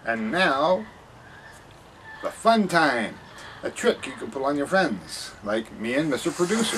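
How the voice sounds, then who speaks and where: A man's voice: a little high, fairly bright tone, exaggerated voice. A man playing a cheerful, careless science professor in a spoof 1950s kids' TV broadcast, explaining things in a folksy, rambling way. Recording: distant mic with room noise.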